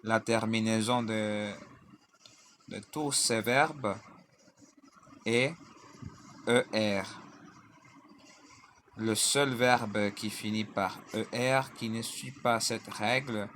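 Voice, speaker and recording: A man's voice: on the low side, fairly even intonation, extremely slow, pauses often, a bit bright, a little hiss or hum. A man teaching a grammar lesson, drilling verb conjugations in lists and spelling out word endings letter by letter. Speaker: language teacher.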